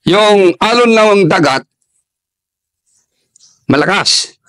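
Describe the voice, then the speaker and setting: An older man, an army veteran, telling a war story in an interview in a halting way, with many restarts, and dropping his voice for quoted lines. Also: sits high, expressive, a bit bright, no room sound, clean studio sound. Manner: halting, restarts often while recalling combat.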